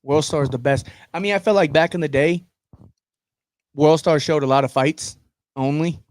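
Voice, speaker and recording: A man co-hosting a podcast in casual chat, crude and joking, often bursting into loud laughter. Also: a little high, moderate pace. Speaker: podcast co-host.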